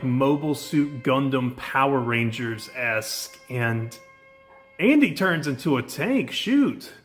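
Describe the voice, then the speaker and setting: A man chats his way through a video game, cracking jokes and laughing easily, his voice a little on the high side. It is recorded in an unfamiliar room with bad acoustics, so every word comes back with a cave-like echo. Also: fairly bright tone. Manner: chatty and joking, laughs easily. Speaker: gameplay video host. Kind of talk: casual let's-play commentary. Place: unfamiliar room with poor acoustics, not his usual setup.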